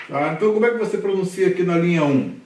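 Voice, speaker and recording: A man's voice: high voice, lively intonation, racing, darkish tone, recorded from a distance, a little hiss or hum. A man with a Brazilian Portuguese accent teaching a Hebrew class, patiently drilling letters and syllables aloud and checking in with his students. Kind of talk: classroom lesson. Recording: echoey room, voice from the mic.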